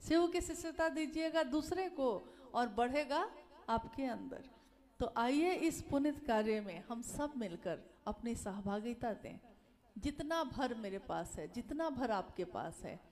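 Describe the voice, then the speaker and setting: High-voiced woman preaching earnestly. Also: a little mellow. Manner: earnest and exhorting, repeats phrases, acts out quoted speech. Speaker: religious speaker. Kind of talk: devotional sermon to a gathering.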